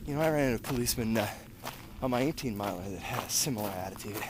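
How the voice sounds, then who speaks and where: An American man chats casually to viewers while out on a long run, sounding tired and pausing as he talks. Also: fairly low pitch, lively intonation. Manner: talking while out on a long run, with pauses and breaks for breath. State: tired from running. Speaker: running vlogger. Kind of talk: casual vlog chat to viewers. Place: outdoors on rural roads. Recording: clear outdoor ambient noise.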